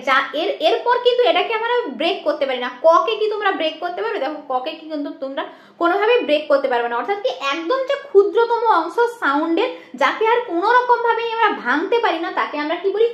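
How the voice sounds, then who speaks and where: A woman's voice: extremely high pitch, big pitch swings, fast, muffled recording. A woman teaching an exam-prep lesson, explaining step by step and answering her own questions, often slipping in English terms. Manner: mixes in English terms and phrases. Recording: echoey room.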